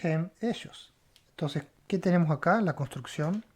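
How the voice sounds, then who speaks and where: At a measured pace, a mid-range voice with a breathy edge guides a word-by-word Bible language lesson. The Hebrew teacher spells letters, repeats sounds, and checks understanding with a questioning "right?" after each step.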